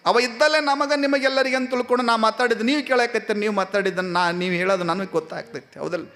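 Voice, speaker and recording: High-voiced North Karnataka preacher. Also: male voice, fast talker. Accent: North Karnataka Kannada. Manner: dramatic, swinging between hushed and loud. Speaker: spiritual preacher. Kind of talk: storytelling sermon.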